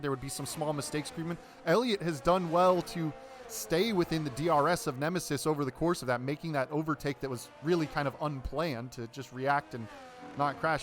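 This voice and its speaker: Guy doing color commentary on a race, slightly high voice, easygoing, lots of you know and uh. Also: a bit bright. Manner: analytical, loose, with frequent fillers. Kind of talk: colour commentary on sim racing.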